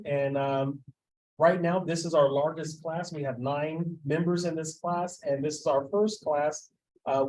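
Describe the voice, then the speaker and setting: A man delivers a school administrator's report to a board, stopping often on hesitant filler sounds. His voice sits a little high for a man. The tone is soft and mellow. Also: low-quality recording. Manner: halting, with frequent filler sounds. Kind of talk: formal board meeting report.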